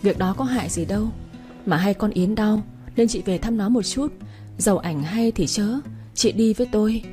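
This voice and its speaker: A woman voicing a kindly woman friend who coaxes and insists gently. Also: medium pitch, moderate pace, faint music behind, close to an everyday voice. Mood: coaxing. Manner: coaxing, insistent.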